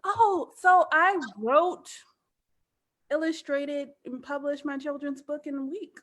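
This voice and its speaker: A woman in her thirties, a podcast guest, talking in an animated, emphatic casual way with lots of "like". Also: sits high, takes it slowly. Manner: animated, emphatic, frequent "like" fillers. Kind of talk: casual chat.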